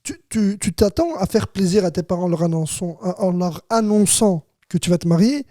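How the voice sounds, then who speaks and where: A man's voice: high voice, expressive, normal speed, dark tone, no room sound. A man in his thirties with a Rifian Moroccan accent, hosting a casual studio podcast and telling stories, often saying "you see". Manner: storytelling, says "tu vois" often, laughs easily. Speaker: podcast host. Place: small warm studio.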